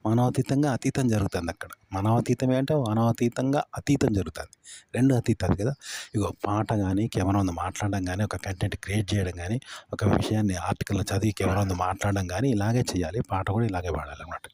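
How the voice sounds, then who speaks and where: A man's voice: on the low side, fast, a little mellow, a little hiss or hum. A man explaining tips for talking on camera in a repetitive style, listing word after word and asking rhetorical questions. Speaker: YouTube tips presenter.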